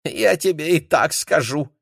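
A man's voice: a little high, normal speed, gravelly, no echo, clean studio sound, voice pushed up. A man voicing a giggly, dim-witted young hotel porter, chatting in a raised, playful voice.

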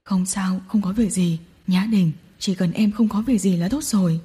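A woman reading a storybook and voicing a patient young man who gently comforts his partner. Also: moderate pace, husky. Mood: soothing. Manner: soft, soothing, low-voiced.

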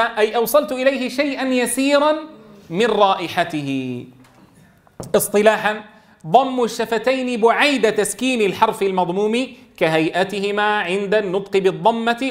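A man leads a classroom lesson on Quran recitation. His voice sits high for a man. He keeps questioning his students and demonstrates each word in slow, stretched recitation. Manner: quizzes students and models slow drawn-out recitation.

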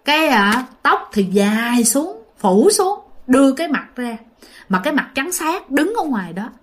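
A woman's voice: sits high, big pitch swings, measured pace. A woman with a Southern Vietnamese accent casually telling a ghost story as host of her channel, rambling with fillers, her voice a little worn and sore. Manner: chatty, rambling, with many fillers.

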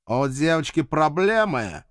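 A man's voice: on the high side, big pitch swings, unhurried, no room sound, studio quality, voice pushed up. A man doing a fawning, thuggish imp. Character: brash, swaggering male imps, street thugs.

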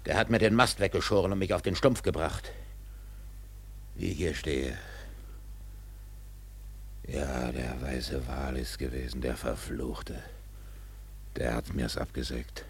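Captain Ahab, gravelly obsessed whaling captain. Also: male voice, very deep voice, slow pace, pauses often, full character voice. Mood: vengeful. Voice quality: gravelly, husky. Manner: commanding, declamatory, brooding. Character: obsessed, vengeful whaling captain with one leg. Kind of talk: German radio drama acting.

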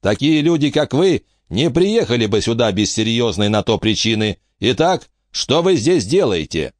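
A man's voice: mid-range voice, sing-song, moderate pace, dry recording, voice pushed up, lightly acted. A man voicing a stern, menacing male gang leader. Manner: stern, threatening.

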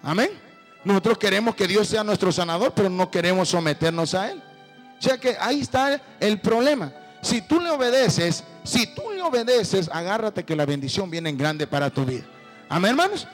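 A man's voice: high voice, vocal fry, a bit bright, poor audio. A middle-aged male preacher giving a sermon, telling stories and calling out to the congregation as brothers. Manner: storytelling, addresses the congregation as brothers.

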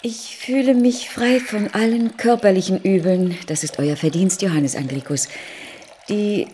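A woman's voice: medium pitch, measured pace, warm tone, slight background noise, natural voice. A woman playing a scheming, self-assured noble Roman lady in a radio play. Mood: coaxing.

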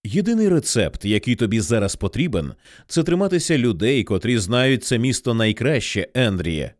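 A man reading an audiobook, voicing a domineering town boss who speaks gently and coaxingly. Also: mid-range voice, big pitch swings, normal speed, dry recording, clean studio sound, natural voice. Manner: gently coaxing yet controlling. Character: Big Jim, smooth domineering older town boss.

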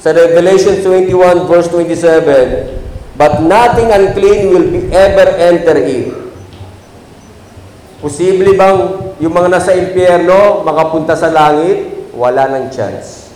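A pastor delivers a sermon in a fairly high male voice, rising to loud exclamations and dropping to quiet remarks. He reads Scripture slowly and with weight. His voice rings through a roomy hall with a long echo. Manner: preaching with wide swings in pitch and loudness, slow emphatic Scripture reading. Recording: echoey hall with faint background noise.

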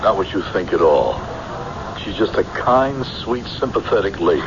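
A man's voice: low voice, animated, moderate pace. A man acting a defensive, dreamily obsessed husband, earnest and insistent, in old-time radio drama style. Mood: gentle, earnest. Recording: muffled, noisy old radio recording.

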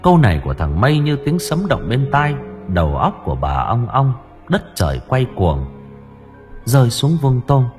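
A man narrating an audiobook in an expressive, dramatic storytelling manner. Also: medium pitch, moderate pace, few pauses, faint music behind.

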